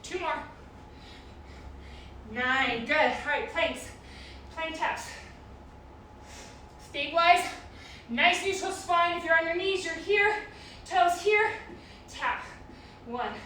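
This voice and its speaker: A woman's voice: very high-pitched, lively intonation, takes it slowly, long pauses, sharp tone, recorded from a distance. A woman coaching a workout as an aerobics instructor, encouraging, calling out short cues and counting reps in a very echoey, noisy room away from the mic.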